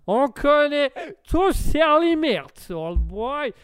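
A man putting on a loud tipsy American. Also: very high voice, very animated, drawn-out words, no room sound, clean studio sound, voice pushed up, exaggerated voice. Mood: boisterous tipsy. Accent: fake American accent in French. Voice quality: boisterous, says "old boy".

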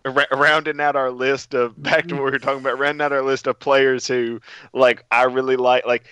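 A young man with a bright, forceful voice chats casually as a podcast co-host. He tells animated stories and acts out his own past quotes. The sound is dry and close, with little room around it. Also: medium pitch, fairly quick, clear, resonant tone, no room sound. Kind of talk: casual chat.

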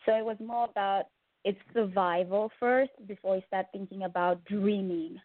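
A woman's voice: medium pitch, steady tone, moderate pace, no echo. Woman from Zimbabwe on a phone line. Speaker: guest singer-songwriter. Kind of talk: phone-in interview. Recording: tinny dry phone line.

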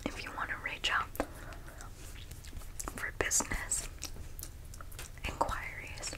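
Female ASMR creator for whispered role-play: breathy, unvoiced, intimate personal attention with tingly mouth sounds. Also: slow pace. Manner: soft, intimate, casual chat to the viewer.

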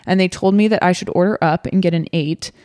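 A woman's voice: lowish voice, quick pace, dark tone, dry recording, clean studio sound. A young woman co-hosting a podcast, telling a story in a chatty, rambling way. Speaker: podcast co-host. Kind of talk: casual chat.

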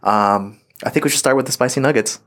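A young man hosts a podcast in a relaxed, easygoing manner. His talk is loose and slangy, and his voice sits at a middle pitch. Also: fast. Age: young adult. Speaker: podcast host. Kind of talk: casual podcast chat while eating.

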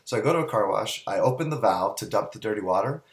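A man's voice: on the low side, expressive, fast. A man telling a long, rambling anecdote in a casual chat, full of restarts and quoted dialogue. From Southern California. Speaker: guest business owner. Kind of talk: casual storytelling.

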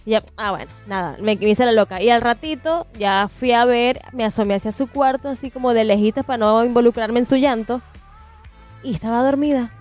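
A woman in her thirties, co-hosting a casual podcast chat, telling a personal ghost story with animated, acted-out detail. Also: a little high, brisk. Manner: animated storyteller, swears it's true, acts out scenes. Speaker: podcast co-host. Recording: dull lo-fi sound with faint music.

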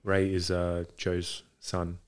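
Low, flat-toned man, rambling casually. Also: slow pace, smooth. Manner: hesitant, rambling. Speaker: podcast guest, boxing coach. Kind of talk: casual chat. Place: home garage.

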